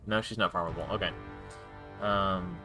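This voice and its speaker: A man's voice: low voice, steady tone, moderate pace, music in the background. A man streaming live and casually commenting on his gameplay, rambling with frequent restarts and self-corrections. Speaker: game streamer.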